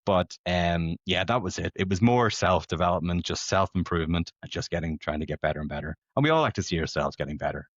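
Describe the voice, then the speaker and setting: A man from Belfast in his late thirties, with a Northern Irish accent, chats casually and ramblingly as a podcast guest, telling stories conversationally. An amateur competitive runner, he talks fast with few pauses in a low-pitched, lively voice. The podcast audio is dull and lo-fi, with no echo.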